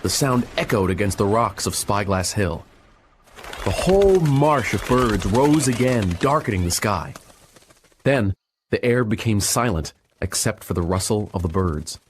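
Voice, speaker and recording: A man narrating an adventure storybook in an expressive reading style. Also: lowish voice, measured pace, a little hiss or hum.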